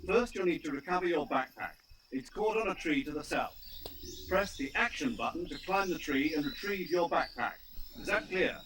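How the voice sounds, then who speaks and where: Authoritative military commander, crisp orders. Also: male voice, a little high, lively intonation, normal speed, a bit bright, rough recording. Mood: stern. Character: authoritative male military commander briefing his agent. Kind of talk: video game voice acting.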